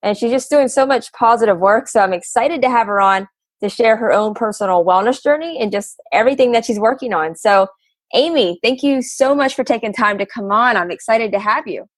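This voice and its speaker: A woman's voice: fairly high pitch, brisk, no echo. A woman hosting a podcast interview, chatty and casual, with frequent fillers and repeated words. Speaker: podcast host.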